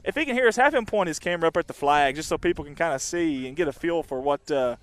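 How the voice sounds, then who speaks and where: A man doing chatty, rambling live softball commentary outdoors. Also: on the high side, expressive, fast, smooth. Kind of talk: casual live sports commentary. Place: outdoor softball field on a windy day.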